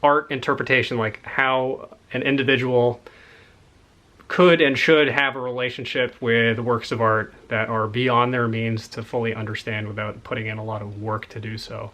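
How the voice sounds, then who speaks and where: The collector's voice is medium-pitched, level, and sharp in tone, moving at a moderate pace. Slightly out of breath, he chats enthusiastically and loosely about the books he's picked up.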